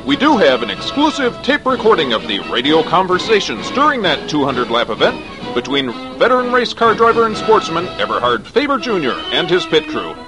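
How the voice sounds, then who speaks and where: Lively high-voiced male announcer. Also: fairly quick, music in the background, low-quality recording. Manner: earnest, mock-serious. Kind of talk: mock sports news report.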